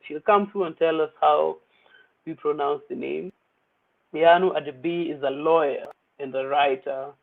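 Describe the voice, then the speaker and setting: Through tinny, phone-like audio, a young man with a gravelly, fairly high-pitched voice casually hosts a poetry open mic livestream. He keeps it chatty and playful, sprinkling Swahili slang into his English.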